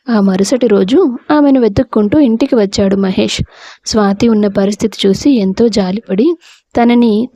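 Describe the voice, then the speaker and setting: A woman reading a family drama story aloud as a narrator, steady and scripted. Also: mid-range voice, dry recording, lo-fi sound.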